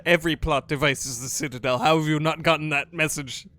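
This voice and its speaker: A man's voice: fairly high pitch, steady tone, fast, sharp tone, slight background noise. A man giving casual, joking and sarcastic commentary while playing a video game, swearing freely. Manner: sarcastic, profane, jokey.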